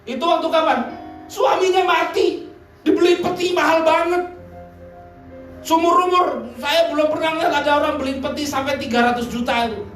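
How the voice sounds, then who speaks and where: A man's voice: very high voice, steady tone, moderate pace, a bit bright. A male pastor preaching a sermon, telling stories, mimicking voices and dropping blunt slang asides. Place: church service in a hotel hall. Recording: echoey hall, mic distant, music faint.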